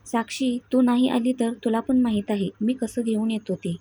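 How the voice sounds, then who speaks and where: A woman voicing a teasing, quick-tempered young husband in a read-aloud story, in a slightly high, husky voice. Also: steady tone, dark tone. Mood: affectionate.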